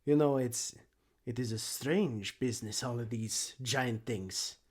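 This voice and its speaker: A man's voice: mid-range voice, measured pace, slightly rough, voice pushed down. A man voicing a fussy, nosy old male gnome exhibitor who speaks hesitantly. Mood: suspicious.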